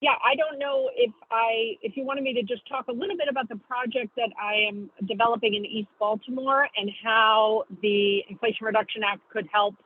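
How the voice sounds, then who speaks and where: A woman calling into a meeting by phone while driving, explaining step by step with pauses and self-corrections. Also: a little high, steady tone, a little hiss or hum. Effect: phone call from a moving car. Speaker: guest speaker. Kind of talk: call-in briefing on a video call. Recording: tinny phone line from a car.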